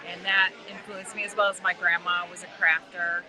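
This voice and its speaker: A woman's voice: lowish voice, level tone, a little fast, poor audio. A woman giving casual answers as an artist guest in a live interview. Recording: busy crowd behind.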